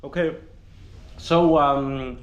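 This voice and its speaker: A man's voice: a little high, fairly even intonation, very slow, muffled recording, noisy background. A man in his twenties with a Danish accent tinged with Fijian, answering viewer questions hesitantly in a casual chat, with many fillers. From Denmark. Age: 20s. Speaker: vlogger. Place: village gathering in Fiji.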